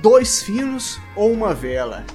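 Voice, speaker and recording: A high-pitched Brazilian man spins lively slang-filled stories on a podcast. Faint music sits under his voice. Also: slow. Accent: Brazilian Portuguese. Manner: animated street-slang storytelling. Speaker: podcast co-host. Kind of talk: casual podcast chat.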